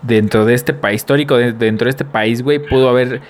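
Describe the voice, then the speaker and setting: A man's voice: mid-range voice, fairly even intonation, fairly quick. A Mexican man in his twenties chatting casually on a podcast like a laid-back bro, in slangy, crude talk. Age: 20s. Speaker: podcast co-host.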